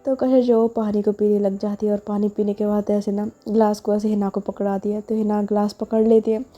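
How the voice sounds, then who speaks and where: A woman's voice: mid-range voice, flat delivery, a little fast, warm tone, lo-fi sound. A woman telling a love story in a chatty, casual way, with many fillers. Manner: chatty, repetitive narration with fillers. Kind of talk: casual spoken narration.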